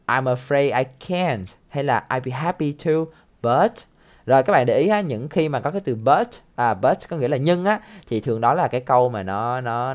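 Male teacher, patient and repetitive, walks students through listening drills. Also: mid-range voice. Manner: patient, repeats phrases, ends sentences with soft tag words. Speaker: English teacher. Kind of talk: explaining a listening lesson.

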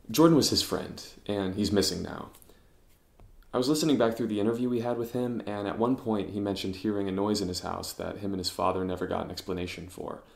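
A man playing a gravelly-voiced young investigator. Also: fairly low pitch, dry recording. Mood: pondering. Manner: measured, inquisitive narration. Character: curious young male podcaster-investigator. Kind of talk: audio drama narration and dialogue.

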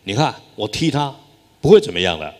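A man's voice: medium pitch, sing-song, normal speed, bright, forceful tone, slightly rough, voice pushed up, full character voice. A man voicing a callous farm woman in a story who brushes off concern with a brash, dismissive tone. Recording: long hall reverb.

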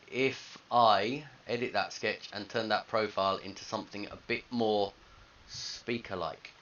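Working at a computer indoors, a male design teacher talks through a software screencast in informal, step-by-step fashion, thinking out loud in a relaxed, instructional manner. His voice is low and bright. The headset mic yields dull, lo-fi sound with a faint hiss.

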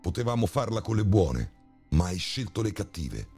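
A man's voice: low-pitched, sing-song, moderate pace, gravelly, darkish tone, breathy edge, soft background music, pitched above the performer's own voice, exaggerated voice. A man voicing a scarred male agent who speaks in a cold, threatening, commanding way in a horror story. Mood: menacing.

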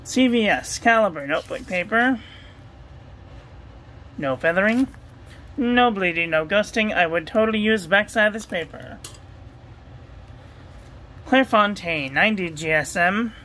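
A woman reviewing ink and paper at a home desk, talking through a steady, repetitive checklist and getting excited about the ink colors. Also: mid-range voice, measured pace, long pauses, slight background noise, low-quality recording. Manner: enthusiastic over ink colors. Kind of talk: casual product review voice-over.

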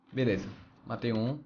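A man with a Brazilian Portuguese accent, doing joking let's-play commentary and calling out excited greetings to his viewers. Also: mid-range voice, highs cut off. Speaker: gaming youtuber.

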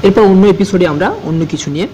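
A man, teaching an English grammar lesson, speaking slowly and patiently, repeating each definition and spelling words out letter by letter. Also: high voice, warm tone, a little hiss or hum, rough recording.

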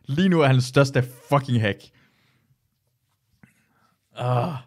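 A man hosting a podcast in casual chat, animated and ranting, swearing freely. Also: medium pitch. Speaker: podcast host.

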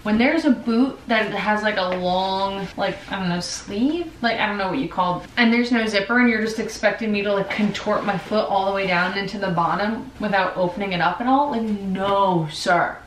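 A woman's voice: medium pitch, moderate pace, hardly any pauses, a little hiss or hum. Chatty woman in her twenties, roomy bedroom. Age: 20s. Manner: chatty, lively, upbeat. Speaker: vlogger. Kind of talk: casual chat. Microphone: far camera. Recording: roomy, from a distance.

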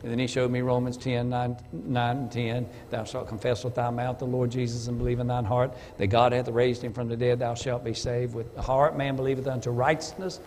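A man's voice: mid-range voice, flat delivery, brisk, hardly any pauses, darkish tone. A middle-aged man tells his conversion story from the pulpit, slipping into the other people's voices as he recounts them. His voice rings out with a long church reverb over faint background hum. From North Carolina. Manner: storytelling, acts out dialogue. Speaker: preacher. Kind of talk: testimony sermon. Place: church sanctuary.

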